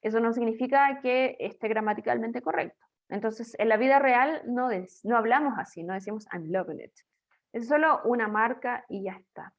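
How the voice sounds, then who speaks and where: A woman explains English grammar to her students in a playful, chatty tone. Her voice sits a little high. The recording is a bit dull and lo-fi, like a home-made online lesson. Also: moderate pace. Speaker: English teacher.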